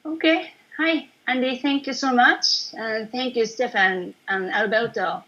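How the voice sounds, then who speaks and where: A woman from Japan, a painter, giving a casual online presentation over a video call, talking in a chatty way with many fillers and soft laughs. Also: on the high side, unhurried, lo-fi sound. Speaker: watercolour painter presenting her work.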